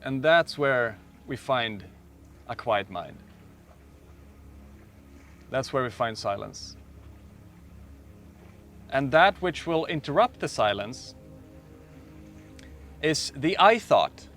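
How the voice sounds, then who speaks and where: A man leads a guided meditation in a calm, soft-spoken way. He talks slowly and leaves long pauses between phrases. His voice sits at an ordinary pitch for a man. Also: soft background music. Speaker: meditation teacher.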